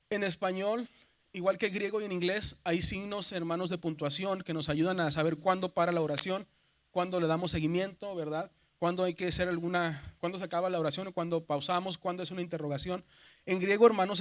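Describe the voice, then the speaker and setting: High-voiced man teaching a class. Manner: explains patiently, often checks understanding with "verdad". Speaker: seminary Greek teacher. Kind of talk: classroom lecture.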